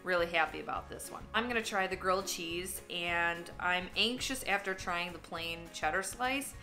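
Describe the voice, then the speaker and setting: Chatty woman with bright voice. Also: lowish voice, moderate pace, soft background music. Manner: chatty, candid, talks while eating. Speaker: vlogger. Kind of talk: casual taste-test vlog.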